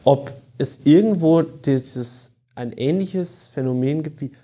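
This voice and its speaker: A woman's voice: deep voice, slow pace, mellow. A woman co-hosting a podcast in casual chat, thoughtful and searching for her words as she talks.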